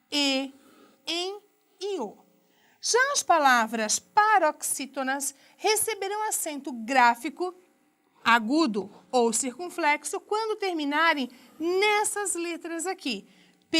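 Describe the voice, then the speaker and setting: A woman's voice: sits high, a bit bright. A middle-aged woman with a Brazilian Portuguese accent giving a recorded university grammar lecture, asking questions and answering them herself. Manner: didactic, asks and answers her own questions. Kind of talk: recorded distance-learning lecture.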